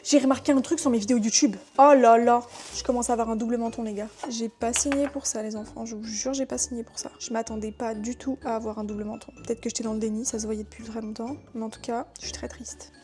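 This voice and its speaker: A young woman in her twenties chats casually and teasingly while cooking in her home kitchen for a vlog, often talking to herself. Her voice is fairly high, steady, and a little mellow, moving at a quick pace with few pauses.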